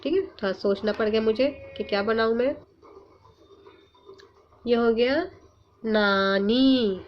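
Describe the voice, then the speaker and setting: A woman teacher leading an online class for young pupils, drawing out letters and words slowly and asking coaxing questions. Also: on the high side. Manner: slow, drawn-out sounding of letters and words; patient, coaxing questions to children. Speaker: Urdu teacher. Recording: muffled lo-fi sound, faint hum.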